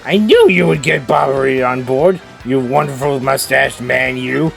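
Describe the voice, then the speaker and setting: A man voicing a pompous, excitable merchant ship owner in a video game, grandiose and theatrical. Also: mid-range voice, measured pace, vocal fry, soft background music. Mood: pleased, pompous.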